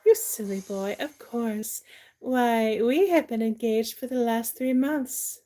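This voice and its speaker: A woman's voice: a little high, slow, dark tone. A woman playing a self-assured, whimsical young lady in a comic stage play, prim, chiding and matter-of-fact. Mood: fondly assured.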